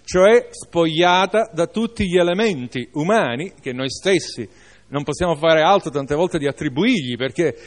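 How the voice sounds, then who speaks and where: A man's voice: fairly high pitch, animated, normal speed. A man preaching a sermon, reading a Bible passage aloud and then exhorting his listeners with informal asides.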